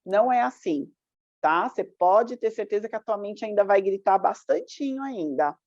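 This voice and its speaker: A woman's voice: medium pitch, expressive, moderate pace, a little mellow, no room sound. Lady coach chatting, mocks her own inner voice, kinda dull muffled audio. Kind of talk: casual motivational talk. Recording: dull dry lo-fi sound.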